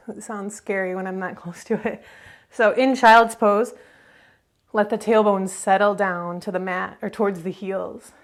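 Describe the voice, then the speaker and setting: Calm woman guiding a yoga flow. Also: medium pitch. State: slightly out of breath at times. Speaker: yoga teacher. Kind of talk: guided yoga class instruction.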